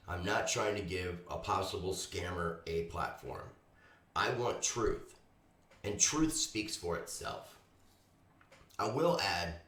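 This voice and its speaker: A hoarse man hosting a show, reading his intro carefully and earnestly from prepared notes while recovering from a lost voice. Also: deep voice, fairly bright tone. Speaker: host. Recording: echoey room, voice far from the mic.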